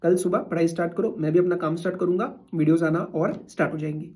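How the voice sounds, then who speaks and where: Mellow-voiced man giving motivational advice. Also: a little high, fast. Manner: conversational, mixes Hindi and English freely; firm, reassuring advice. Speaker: CA exam mentor. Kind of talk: casual motivational talk to students.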